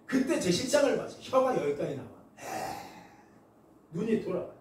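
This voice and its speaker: A male pastor delivers a sermon in a high, lively voice, telling stories animatedly and acting out the people in them. He is heard from a distance in an echoey church hall, with faint noise underneath. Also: moderate pace. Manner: animated storytelling, acts out voices.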